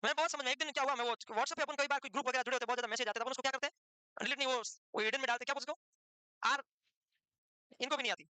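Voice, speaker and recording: Fast high-voiced teacher scolding his class. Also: steady tone, pushed and bright, smooth, dry recording. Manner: brisk, scolding, teasing joker. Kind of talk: classroom lecture.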